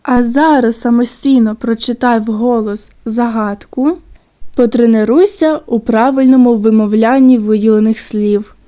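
A woman teaching a recorded lesson to second graders, with slow, clear diction and words drawn out syllable by syllable. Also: on the high side, dark tone. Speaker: primary school teacher.

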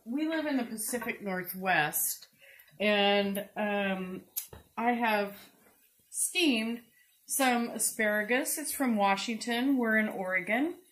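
A middle-aged woman hosting a casual home cooking demonstration, chatty and unhurried with lots of ums. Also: on the high side, fairly bright tone. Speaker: cooking show host. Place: home kitchen, indoors. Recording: roomy kitchen with sizzling pan. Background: frying and sizzling food.

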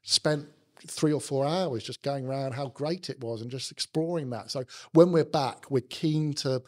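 A man's voice: medium pitch, moderate pace, darkish tone. A man in his forties with a South London accent, talking chattily as a guest in a casual podcast conversation. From London, England. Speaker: guest, business leader. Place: indoor podcast studio. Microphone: close podcast microphone on boom arm.

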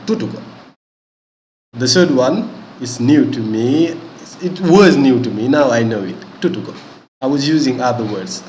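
A man teaching a language lesson, saying each word slowly, repeating it and often checking in with "okay?". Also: medium pitch, a little hiss or hum. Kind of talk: vocabulary lesson. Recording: echoey room with faint ambience.

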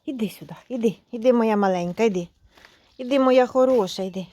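A woman's voice: fairly high pitch, brisk, background noise. A woman in a casual vlog, cooing and baby-talking to her cats outdoors while filming on a handheld phone. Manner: coos and baby-talks to cats. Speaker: vlogger. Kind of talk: casual vlog feeding pets.

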